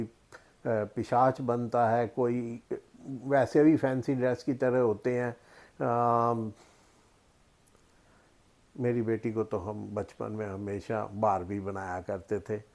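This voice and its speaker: Slow-talking middle-aged man from Punjab. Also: medium pitch, a little mellow. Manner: slow, unhurried, storytelling with many pauses. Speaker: vlogger. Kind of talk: casual explanatory chat.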